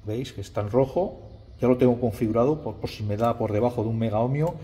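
Mid-range, a little fast and warm in tone, the middle-aged electrician talks viewers through his work casually, addressing them as "chicos," repeating words and checking in with "¿vale?" a lot. A body-worn camera records his first-person view in a small indoor restaurant back room.

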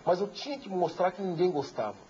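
On a talk show, a guest from Belo Horizonte, Brazil tells an emotional story vividly, acting out the voices of the people he quotes. He sounds high-pitched, animated, warm and a little fast. The dull lo-fi TV recording carries a slight hiss or hum.

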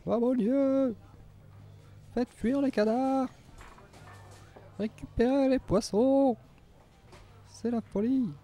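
A man voicing a frantic, over-the-top male announcer, exclaiming in a shrill, panicked way. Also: fairly even intonation, slow pace, long pauses, warm tone.

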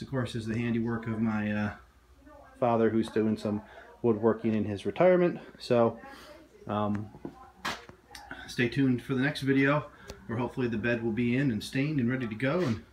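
Man in his 30s, casual vlog narration, easygoing with lots of fillers, small camper room, phone mic, faint background hum. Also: medium pitch. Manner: relaxed, with frequent fillers. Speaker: vlogger host. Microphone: phone camera at arm's length.

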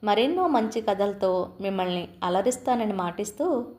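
A woman narrating an audio story in the first person, reading slowly and earnestly before closing with a note to her listeners. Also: mid-range voice, expressive, a little mellow.

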